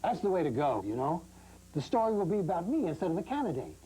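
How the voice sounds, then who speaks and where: Animated older man telling stories. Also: high voice, fast talker, slightly rough, rough recording. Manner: animated, laughing storyteller. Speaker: veteran photographer. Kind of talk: interview answers.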